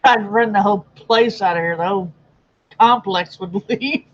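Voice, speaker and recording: A man with a high voice trades short, teasing quips on a casual stream. His sound comes through dull and muffled, as if over a lo-fi line. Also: moderate pace, a bit bright. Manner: teasing, short dry replies. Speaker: co-host.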